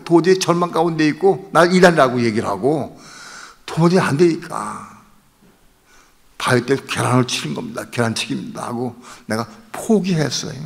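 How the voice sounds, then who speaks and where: Gravelly impassioned pastor in his sixties. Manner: impassioned, swinging between loud outbursts and hushed low asides. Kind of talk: sermon. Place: church sanctuary during an evening service. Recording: long church-hall reverb.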